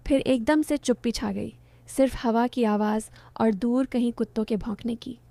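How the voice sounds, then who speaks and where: A young woman narrating a first-person romantic story in a soft, confiding, intimate way. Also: a little high, steady tone, moderate pace, no echo. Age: young adult.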